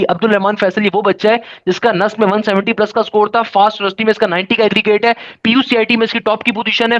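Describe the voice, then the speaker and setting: Guy teaching test prep, kinda high voice, upbeat, dull lo-fi sound. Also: fairly bright tone. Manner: upbeat, lists students rapidly with fillers. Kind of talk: video guidance lesson.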